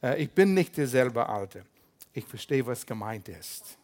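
An older man preaching a sermon as pastor, lively and humorous, with small slips in his German. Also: medium pitch, measured pace.

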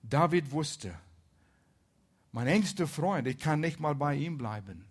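A man preaching a sermon, retelling a Bible story and shifting between soft asides and loud emphasis. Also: fairly high pitch, expressive, slow.

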